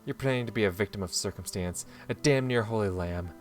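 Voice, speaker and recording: A hurt and bitter young woman, read aloud by a man in a low, subdued tone. Her lines come quiet and heavy. Soft music runs faintly underneath. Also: fast, close to an everyday voice.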